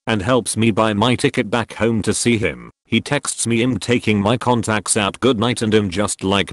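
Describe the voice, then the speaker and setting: A man narrating an online post aloud in a steady, even read-aloud delivery, as a channel's voice-over. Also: on the low side, no echo, studio quality. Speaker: channel narrator reading posts.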